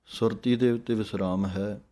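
A man teaching correct recitation of scripture, chanting each line slowly and deliberately, then explaining the pauses in a calm, patient voice. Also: lowish voice. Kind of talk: recitation lesson.

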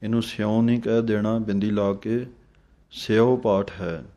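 A man teaching the correct pronunciation of scripture, slowly chanting each verse and then explaining it. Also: fairly low pitch, flat delivery, mellow. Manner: slow chanting of verses between quick spoken explanations. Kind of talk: step-by-step pronunciation lesson.

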